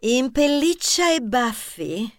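A man putting on a vain film-star lady mouse with a sugary, honeyed voice, pitched high and sliding slowly. Her storybook voice is dry and close. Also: big pitch swings, dry recording. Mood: proud. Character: vain glamorous female movie-star mouse.

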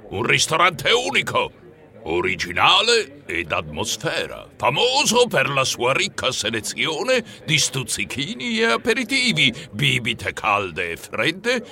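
Gravelly rat pirate innkeeper, slow and menacing, harsh bright edge, growling, audiobook. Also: male voice, medium pitch, exaggerated voice. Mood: salesy. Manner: roaring and threatening. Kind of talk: audiobook character voice.

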